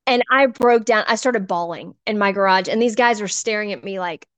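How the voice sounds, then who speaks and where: A woman's voice: mid-range voice, brisk, fairly bright tone, dry recording. A middle-aged woman, a church volunteer sharing an earnest, emotional personal testimony. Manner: earnest, emotional, gets choked up.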